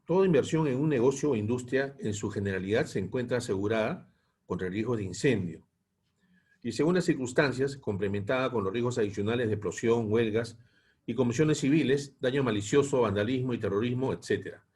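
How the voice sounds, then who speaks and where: A man teaching a class, reading long technical passages aloud at a measured, steady pace and then explaining them. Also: mid-range voice, slightly rough. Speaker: instructor. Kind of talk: lecture reading aloud from text. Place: online class.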